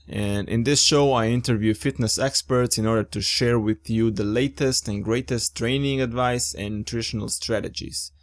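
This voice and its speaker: A young man hosting a fitness podcast, talking in an upbeat, enthusiastic and informal way. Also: medium pitch. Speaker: podcast host. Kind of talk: casual podcast chat.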